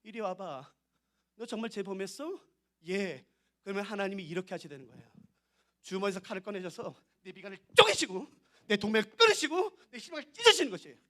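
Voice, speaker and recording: A male pastor delivers a revival sermon in a church sanctuary with a high, bright and forceful voice. He speaks emphatically and straight to the congregation, slipping into short acted-out exchanges to drive his points home. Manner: emphatic, acts out dialogues, addresses congregation directly.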